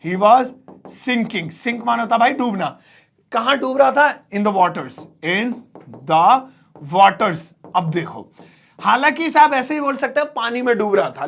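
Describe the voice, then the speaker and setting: A man's voice: very high voice, gravelly, a bit bright. A man teaching an English lesson at a whiteboard, explaining words playfully, with jokes and mock exclamations.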